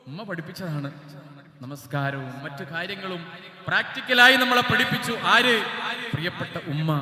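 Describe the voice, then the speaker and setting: A man's voice: high-pitched, normal speed, bright, forceful tone. A middle-aged man, giving a passionate sermon that moves between speech and song. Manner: passionate preaching, moving into singing. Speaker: speaker. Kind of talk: sung and spoken sermon. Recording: echoey hall.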